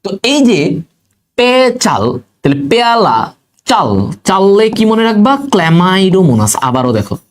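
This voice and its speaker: Lively Bengali-speaking male biology tutor. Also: sits high, a little slow. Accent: Bangladeshi Bengali. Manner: animated, quizzing students with mnemonics and repetition. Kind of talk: exam-prep lecture.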